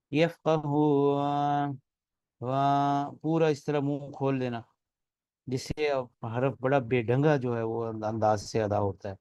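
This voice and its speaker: A man's voice: mid-range voice, mellow, dry recording, lo-fi sound. A man teaching the rules of Quran recitation in a classroom lecture, explaining step by step and chanting examples aloud to show correct and wrong pronunciation. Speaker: tajweed teacher.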